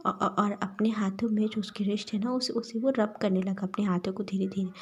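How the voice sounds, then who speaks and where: Breathy woman narrating a story. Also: mid-range voice, fairly even intonation. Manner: halting, repeats words, breathy half-whisper. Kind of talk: reading fan fiction aloud.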